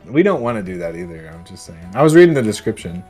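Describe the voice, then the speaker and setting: A man's voice: lowish voice, very animated, darkish tone, soft background music. A man playing a tabletop game, chatting casually and laughing as he explains rules. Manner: quick, chatty, laughs mid-sentence.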